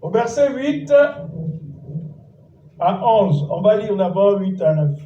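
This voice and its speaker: This pastor preaches slowly in a church, his high-sitting, dark-toned voice full of expression. Exhorting the congregation, he repeats phrases and engages them in call and response. A distant mic in an echoey church hall gives dull sound with slight background noise.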